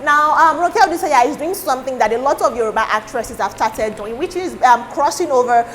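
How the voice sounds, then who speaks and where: A woman with a Nigerian accent hosting a casual celebrity gossip show in a studio, chatty and animated when she quotes people. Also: sits high, fairly quick, faint music behind, low-quality recording. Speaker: host. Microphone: lapel mic.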